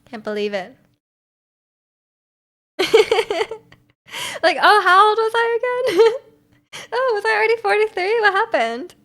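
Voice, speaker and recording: A woman in her twenties chatting casually on a stream, reading out viewer messages and answering them. Her voice sits high, and she laughs easily and often. The talk is loose and chatty, full of playful asides. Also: big pitch swings, takes it slowly, long pauses, a bit bright. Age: 20s.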